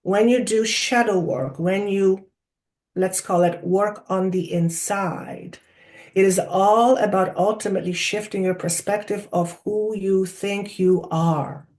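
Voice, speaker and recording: In a trance-channeling seance, a medium voices a wise collective of spirit guides, offering deliberate, oracular and solemnly instructive speech with drawn-out key words and rhetorical questions. The delivery is lightly acted, at medium pitch with fairly even intonation and a darkish tone. It comes across as emphatic and instructive.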